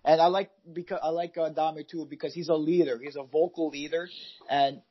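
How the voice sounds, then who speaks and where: A man's voice: fairly high pitch, level tone, fairly quick, breathy edge, lo-fi sound. A man co-hosting a casual football podcast, rambling with many fillers and restarts. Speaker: podcast co-host, football fan. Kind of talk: casual chat.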